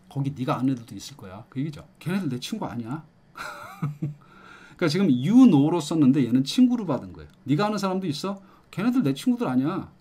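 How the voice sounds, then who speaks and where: Lively husky male lecturer. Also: on the high side. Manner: lively, coaxing, checks in with "알겠죠?". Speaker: English exam lecturer. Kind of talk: explanatory lecture with questions to students.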